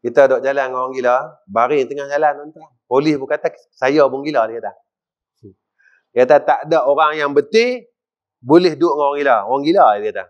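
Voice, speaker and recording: A middle-aged man with a northern Malaysian accent giving a mosque lecture, asking the audience questions and swinging between loud and quiet. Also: medium pitch, fast. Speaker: religious teacher. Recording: dull lo-fi recording.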